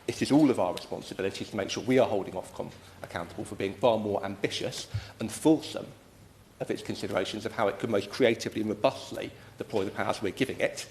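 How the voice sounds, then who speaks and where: Low-voiced British man in an echoey chamber. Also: darkish tone. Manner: earnest, measured, wordy. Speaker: member of parliament. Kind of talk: formal parliamentary debate speech. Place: parliamentary debating chamber. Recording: echoey room, faint background noise.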